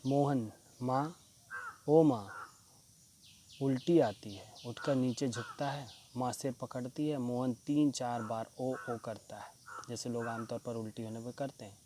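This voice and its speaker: A man's voice: medium pitch, steady tone, warm tone, slight background noise. A male teacher reading a textbook play aloud and stopping to explain the meanings of words. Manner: pauses to explain word meanings.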